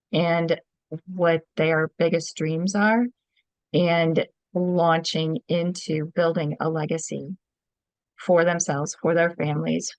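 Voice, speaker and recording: Slow, low-voiced woman coach. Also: no echo, rough recording. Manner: earnest, motivational, speaks in listed phrases. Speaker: workshop leader and coach. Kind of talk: interview guest answering at length.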